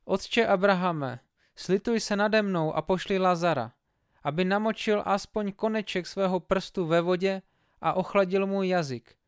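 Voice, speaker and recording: A rich man in torment pleads desperately, his voice lifted high and loud with strain, put on by a male reader. The recording is dry and close, with a smooth, clear tone. It sounds like a spoken Bible story. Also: no echo. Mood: pleading.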